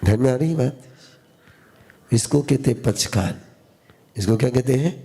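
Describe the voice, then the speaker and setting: A man's voice: mid-range voice, animated, warm tone. A man giving a sermon as a spiritual teacher, teaching in short repeated phrases and quizzing his listeners. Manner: slow, repetitive call-and-response teaching, quizzing listeners. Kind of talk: sermon to a live audience.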